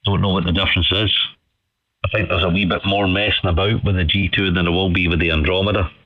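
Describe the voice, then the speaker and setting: Over dull, band-limited ham radio audio that sounds muffled, a male amateur radio operator talks fast in a relaxed, friendly ramble. His voice sits low and barely moves in pitch.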